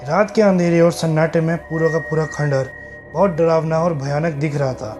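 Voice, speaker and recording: A man narrating a horror story in a slow, suspenseful telling. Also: a little high, steady tone, music in the background.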